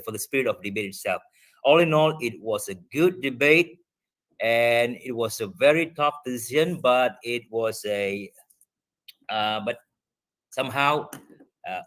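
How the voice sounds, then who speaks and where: A man's voice: mid-range voice, a bit bright. A man speaking over a video call as a debate judge, giving loose, filler-heavy feedback to students. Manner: rambling, many fillers and restarts. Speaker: debate adjudicator.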